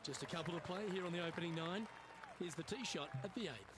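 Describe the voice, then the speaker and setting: A man with a fairly high voice commentates on golf as the lead play-by-play caller in a video game broadcast. Loud crowd and outdoor ambience sit behind him. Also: fast talker, background noise.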